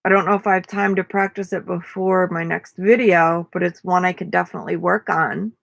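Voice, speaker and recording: A woman's voice: fairly low pitch, steady tone, a little fast, vocal fry, fairly bright tone, no echo. Tired young woman chatting on a live stream. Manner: rambling, many fillers. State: tired, yawning. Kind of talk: casual live-stream chat.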